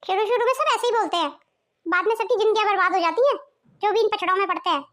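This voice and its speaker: An outspoken young daughter-in-law argues with sarcasm in a cartoon story, voiced by a woman. Her voice is extremely high and bright. She speaks her mind bluntly. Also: rapid-fire. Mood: suspicious. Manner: sarcastic, quarrelsome.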